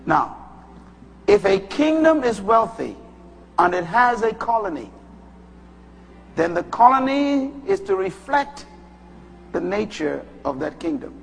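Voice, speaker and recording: A man from the Bahamas with a Bahamian accent, preaching a sermon with emphatic bursts that rise high and drop low. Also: very animated, slow, creaky, long pauses, husky. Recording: long hall reverb.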